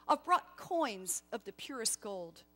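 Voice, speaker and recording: Woman as a proud rich wise man, high-pitched. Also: big pitch swings, slow pace, sharp tone, long reverb tail, exaggerated voice. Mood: proud, confident. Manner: confident, declamatory, emphatic.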